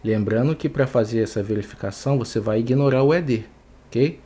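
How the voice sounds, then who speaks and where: A man with a Brazilian Portuguese accent teaching English pronunciation, patiently repeating words slowly to show each sound. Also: medium pitch, mellow, breathy edge. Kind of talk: online English pronunciation lesson.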